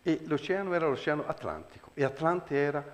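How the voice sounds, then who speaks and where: A man telling anecdotes on stage in a lively, chuckling way. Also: on the high side, brisk. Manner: animated, chuckling storytelling. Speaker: storyteller, performer.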